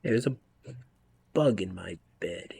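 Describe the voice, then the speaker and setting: A man giving game commentary in hushed, wry asides. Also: low voice, animated, slow pace, creaky, husky. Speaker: let's-play commentator.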